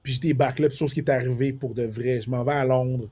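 A man's voice: medium pitch, quick pace, slightly rough. A man with a Quebec French accent touched by Haitian Creole, chatting casually, repeating himself and restarting as he talks. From Quebec, Montreal area. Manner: repeats words and restarts often, animated; switches into English accents when telling stories. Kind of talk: casual conversation.

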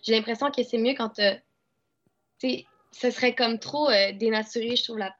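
A woman's voice: fairly high pitch, moderate pace, a bit bright. A young woman with a Québécois accent, an actress and dubbing artist, chatting casually in an interview with lots of fillers and restarts. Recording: dull lo-fi sound.

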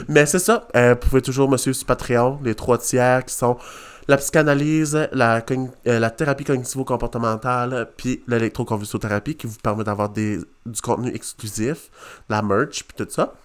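A man's voice: medium pitch, fairly even intonation, normal speed, clear, resonant tone. Québécois man, young, podcast host, casual and joking, mid-range voice. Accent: Québécois French. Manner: playful, laughing, mixes English phrases. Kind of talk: casual chat.

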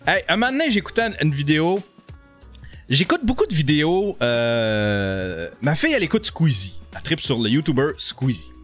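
A middle-aged man with a Quebec French accent giving casual live commentary on a video as a streamer, jokey and animated, stumbling over his words. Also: fairly high pitch, normal speed, faint music behind.

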